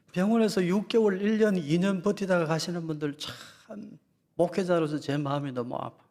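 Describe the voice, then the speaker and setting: A man's voice: fairly high pitch, a little mellow. A man preaching as a pastor in an emphatic Sunday lecture sermon, repeating key phrases and speaking straight to his congregation. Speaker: senior pastor. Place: church sanctuary.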